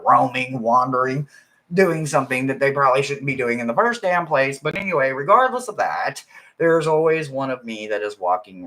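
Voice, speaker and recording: A man, a spiritual card reader, talking casually to his viewers in a rambling way, often adding "right?" and swinging from soft murmurs to loud bursts. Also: mid-range voice. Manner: rambling, keeps asking "right?". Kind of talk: casual spiritual livestream talk.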